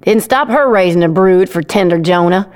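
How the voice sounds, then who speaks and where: An actress playing a blunt, sharp-tongued, mocking middle-aged village mother in a fantasy audio drama. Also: lowish voice, normal speed, lightly acted. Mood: scornful, scolding.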